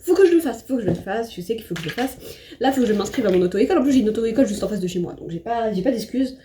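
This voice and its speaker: A young French woman in her young adult years vlogs while doing her makeup, chatting casually in a mid-range voice at a very fast pace. She rambles and pokes fun at herself, using plenty of fillers and restarts, over a noisy background with soft music playing.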